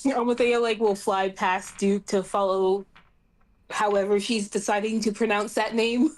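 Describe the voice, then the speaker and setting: A woman's voice: mid-range voice, level tone, unhurried. A woman playing a tabletop game, giggling and rambling with many fillers as she describes her character. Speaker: player. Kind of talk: casual tabletop role-play chat.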